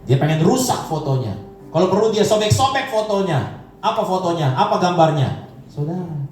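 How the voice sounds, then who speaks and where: A man preaching a sermon as pastor, telling stories in a lively way and acting out the voices of the people he quotes. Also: high-pitched, normal speed. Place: church hall. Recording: echoey church hall, mic from a distance, faint music.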